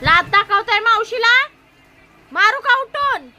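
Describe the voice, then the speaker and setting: Woman, Marathi accent, scolding aunt, very high, bright voice, faint traffic noise. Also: animated, unhurried, muffled recording. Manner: sharp, scolding, argumentative. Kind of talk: scripted family comedy, scolding.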